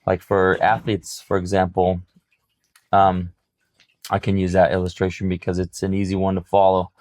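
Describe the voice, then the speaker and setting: This middle-aged man co-hosting a podcast has a low, darkish voice with a completely flat delivery at normal speed, and there's no echo. In casual chat he's reflective and motivational, leaning on sports examples.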